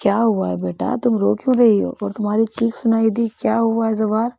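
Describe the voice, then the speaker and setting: A caring middle-aged aunt, voiced by a woman narrator who speaks with motherly concern. The voice is mellow and slightly gravelly. It sounds dry and close to the mic. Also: medium pitch, little pitch movement, no echo, muffled recording.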